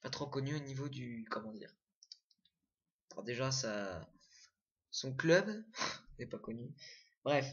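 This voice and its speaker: A man's voice: medium pitch, takes it slowly, long pauses, lo-fi sound, heavy background noise. A young man casually commenting on his own screen recording, full of fillers and self-corrections. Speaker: gaming video creator.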